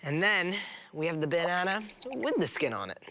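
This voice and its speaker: A woman's voice: fairly low pitch, sing-song, normal speed, sharp tone. A woman hosting a children's science show, bouncy and playful. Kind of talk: upbeat kids' science presenting.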